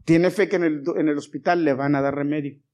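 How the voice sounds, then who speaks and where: A man preaching a sermon as pastor, animated, asking his congregation questions and swinging between loud and soft. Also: on the high side, brisk. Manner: animated preaching, rising and dropping in volume. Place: church.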